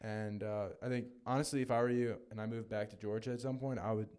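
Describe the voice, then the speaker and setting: A man's voice: on the low side, steady tone, fast talker, darkish tone, clean tone. A young man from the northeastern United States co-hosting a podcast in casual chat, rambling and self-deprecating with lots of fillers. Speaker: podcast co-host.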